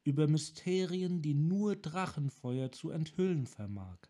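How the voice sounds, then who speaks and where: A man voicing a calm, wise female monk who leads her clan, speaking softly and with measure, in a fan audiobook reading. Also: fairly high pitch. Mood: serene. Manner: soft, measured.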